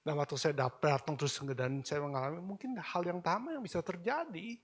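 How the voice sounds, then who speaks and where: A middle-aged male pastor delivering an animated sermon, slipping English phrases into his talk. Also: fairly high pitch, fairly quick, slightly rough.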